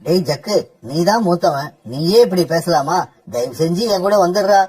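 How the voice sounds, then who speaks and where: In this cartoon a mild father bird frets gently over his family, voiced by an actor. The voice is mid-pitched and a little breathy, soft rather than forceful. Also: normal speed, lightly acted. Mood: worried.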